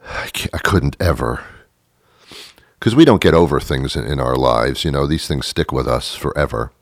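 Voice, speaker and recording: A man's voice: rumbling low, expressive, moderate pace, no echo, clean studio sound. A man in his thirties hosting a talk show, rambling through a sarcastic, self-mocking monologue that often trails off. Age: 30s.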